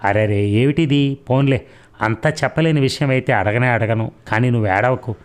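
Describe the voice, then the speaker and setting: A man reading the part of a caring young man who speaks slowly and softly to comfort his cousin. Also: mid-range voice, clean tone, close to an everyday voice. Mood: gentle.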